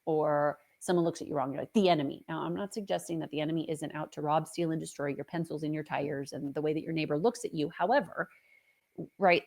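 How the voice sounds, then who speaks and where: A middle-aged woman hosting a faith podcast, teaching in a chatty, animated way with playful asides. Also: low voice, creaky. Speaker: podcast host and minister.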